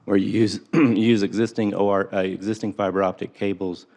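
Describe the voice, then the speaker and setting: A man with a very deep, low voice answers questions as an expert witness in a hearing room. He talks in a measured, explanatory way and often doubles his opening words before settling into an answer, close to a desk microphone. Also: little pitch movement, a little mellow. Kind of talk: formal testimony answering questions.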